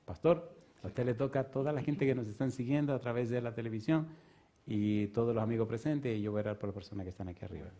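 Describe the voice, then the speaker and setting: A man preaching an evangelistic sermon and calling people forward, swinging between loud, fervent preaching and soft pleading. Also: medium pitch, fast. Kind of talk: evangelistic sermon with altar call. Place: church stage.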